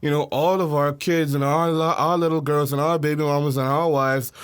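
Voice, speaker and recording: A man's voice: a little high, a little fast, clean tone. A man co-hosting a casual podcast, mocking and ranting with frequent laughter. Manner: laughs often, mocking and animated. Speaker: podcast co-host. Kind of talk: casual comedic rant.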